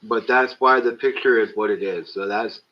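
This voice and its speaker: A man with a lowish voice hosts a casual livestream at a moderate pace, swearing a lot and sounding exasperated as he addresses chat directly. His cheap built-in webcam mic gives the recording a dull, lo-fi sound.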